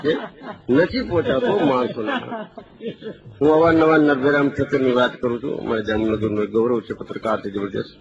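A man's voice: medium pitch, fairly even intonation, brisk, crowd noise. A man, a stand-up comedian chatting through jokes and asking the audience. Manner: chatty, joke-telling, asks the audience. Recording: dull live stage sound with audience.

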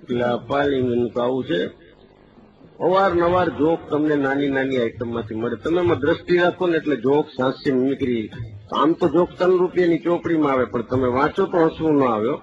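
A man's voice: a little high, brisk. A man, a stand-up comedian chatting through jokes and asking the audience. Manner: chatty, joke-telling, asks the audience. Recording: dull live stage sound with audience.

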